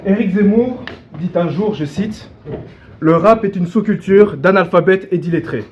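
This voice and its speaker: A man's voice: sits high, normal speed, dull audio. A man delivering declamatory, mocking a cappella battle rap. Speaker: battle rapper. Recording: clearly noisy live recording.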